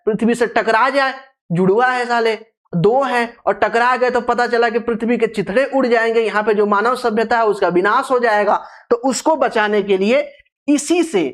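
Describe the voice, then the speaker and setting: Teacher drilling terms by repetition. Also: medium pitch. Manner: repeats key terms, poses questions and answers them itself; stretches out terms syllable by syllable for emphasis. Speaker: geography teacher. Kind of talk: exam-prep classroom lecture.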